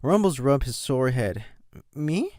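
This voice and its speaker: A man narrating a fan fiction audiobook in an expressive reading style. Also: mid-range voice, moderate pace, no echo, clean studio sound. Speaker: reader.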